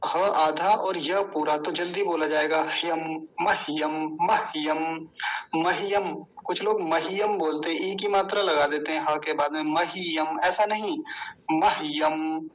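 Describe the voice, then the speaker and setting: A man teaching the correct pronunciation of a Sanskrit mantra, repeating each word slowly and chanting the full verse. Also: on the high side, low-quality recording. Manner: slow, deliberate syllable-by-syllable drilling. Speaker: Vedic recitation teacher.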